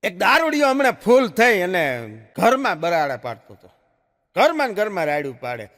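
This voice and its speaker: A man's voice: high-pitched, very animated, normal speed, fairly bright tone, in a large hall. A man telling jokes on stage, a chatty storyteller who swings his voice up and down for punchlines. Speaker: stand-up comic. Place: live stage show. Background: audience laughter.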